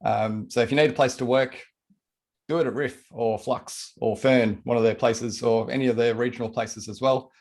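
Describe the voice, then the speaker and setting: A man hosts an online meetup on a video call. He talks in an informal, colloquial way, running through announcements and plugs at an ordinary mid-range pitch. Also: steady tone, normal speed, a little mellow. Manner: casual, colloquial. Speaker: event host.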